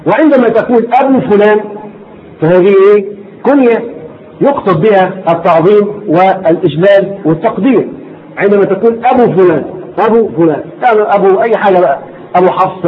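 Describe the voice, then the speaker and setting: A man with an Egyptian accent giving an Islamic lesson to a class, repeating his points and firing rhetorical questions at his listeners. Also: high-pitched. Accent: Egyptian Arabic. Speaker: religious teacher. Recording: dull lo-fi recording, faint noise.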